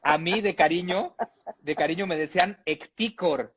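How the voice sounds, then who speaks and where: A man with a husky, slightly raised voice delivers a playful comic monologue. His tone is mocking and teasing throughout. Music plays faintly behind him. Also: high-pitched, moderate pace, fairly bright tone, lo-fi sound. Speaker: comedian. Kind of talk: comedic monologue.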